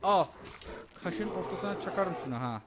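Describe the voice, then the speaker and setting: A young man casually commenting on his own gameplay, joking and excitable, talking to his viewers. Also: sits high, moderate pace, heavy background noise. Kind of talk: casual let's play commentary.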